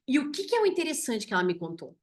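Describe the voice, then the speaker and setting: A woman physician with a Brazilian Portuguese accent tells a patient case to her audience. She speaks in an animated way and often ends her sentences with "né?". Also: high voice, very fast. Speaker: physician teaching symbolic medicine. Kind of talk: storytelling a case to an online audience.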